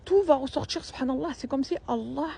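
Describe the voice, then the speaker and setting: A woman's voice: high voice, a little fast, gravelly, warm tone. A young woman, telling a personal story in a casual, slangy, emphatic and repetitive way.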